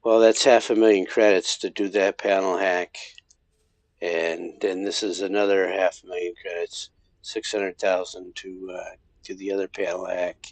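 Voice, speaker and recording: Gravelly low-voiced man streaming a game. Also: moderate pace, no room sound. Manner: relaxed, thinking aloud with restarts. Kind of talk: casual gameplay commentary.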